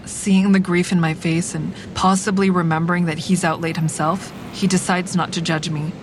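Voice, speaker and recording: A guarded, lightly acted performance: an actress narrates an audio drama in first person as a mourning woman who hides things quietly. Her pacing is measured and introspective, with vehicle rumble steady in the background.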